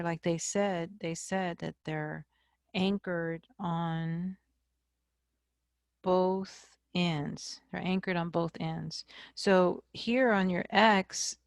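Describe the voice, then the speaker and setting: Slow, lower-voiced woman teaching math. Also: gravelly, dry recording, clean studio sound. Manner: slow, explanatory, frequent "okay?" checks. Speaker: math instructor. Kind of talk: recorded lecture.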